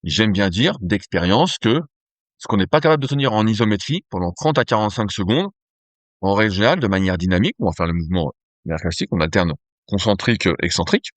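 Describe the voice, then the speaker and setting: A man's voice: fairly low pitch, animated, fast, no room sound. A man explaining strength training on a podcast in a conversational way, with fillers and restarts. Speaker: podcast host, nutrition company cofounder.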